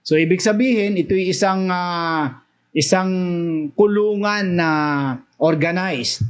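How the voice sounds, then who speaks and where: Speaking slowly in a high voice, a Filipino-accented preacher leads a Bible study. Verses are read aloud, then explained in rising, emphatic bursts, with Tagalog and English alternating throughout.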